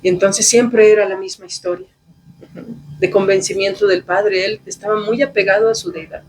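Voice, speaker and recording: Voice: medium pitch, fairly even intonation, normal speed, poor audio. A teacher tells a devotional story and acts out the characters, often checking in with the listeners with short tag questions.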